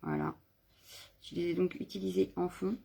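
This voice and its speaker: Lady rambling thru her craft haul live, gravelly husky voice, lots of euh and voilà. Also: fairly low pitch, fairly even intonation, normal speed, warm tone. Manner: chatty, rambling, many fillers and self-corrections. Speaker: crafter showing stamps and stencils on a live replay. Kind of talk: casual live craft show-and-tell.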